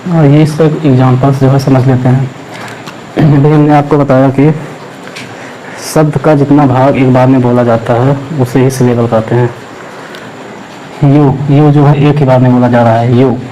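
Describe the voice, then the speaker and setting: A man teaching English grammar, explaining in Hindi and slowly dictating words while he writes them on a board. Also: mid-range voice, steady tone, dark tone, a little hiss or hum, low-quality recording. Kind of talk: classroom lesson explaining grammar.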